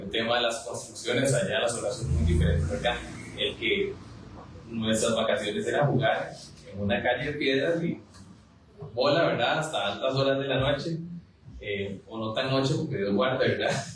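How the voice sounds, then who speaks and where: A man's voice: medium pitch, background noise. A man from southern Costa Rica with a Costa Rican accent, speaking as a panelist with frequent hesitations and repeated words. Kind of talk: panel discussion remarks. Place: historic house, event room. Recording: echoey room from far off.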